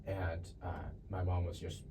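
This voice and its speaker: A young man from Ethiopia talks through his life story as a podcast guest, relaxed and chatty and quick to laugh. His voice sits very low. He is a little far from the mic, with a faint hum of ambience behind him. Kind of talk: casual testimony.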